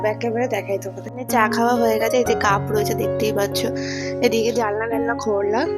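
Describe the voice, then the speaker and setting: A young woman chatting to viewers in a casual daily vlog, her voice hoarse from a sore throat. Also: fairly high pitch. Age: young adult. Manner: chatty and fast, addressing viewers directly. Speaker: vlogger.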